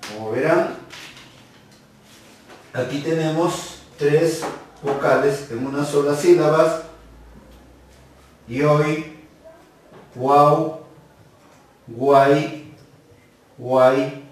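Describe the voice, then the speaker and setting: A male teacher gives a classroom grammar lesson at a very slow, careful pace, repeating each word so students can write it down. His voice comes from well away from the mic and rings through a strongly echoing room. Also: medium pitch, slight background noise. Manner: slow, deliberate, repeats words for dictation. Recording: very echoey, distant mic.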